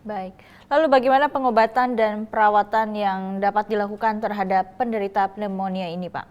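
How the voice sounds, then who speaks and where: A woman anchors a broadcast interview, asking her prepared questions politely and briskly. Her pitch sits in a plain middle range, and she keeps her tone even and formal. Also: muffled recording. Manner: polite, brisk, with soft backchannel hums. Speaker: news anchor.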